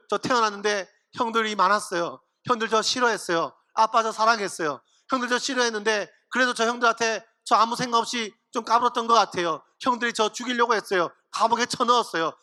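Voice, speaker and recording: A man playing a naive young foreign laborer who speaks in slow, halting, broken sentences. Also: high-pitched, bright, forceful tone.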